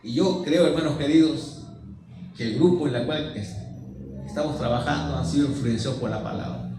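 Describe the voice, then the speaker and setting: A man's voice: medium pitch, normal speed, noisy background. A man with a Peruvian accent preaching a sermon as pastor. He mixes personal stories with rhetorical questions. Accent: Peruvian Spanish. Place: church. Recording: echoey church hall, mic at a distance.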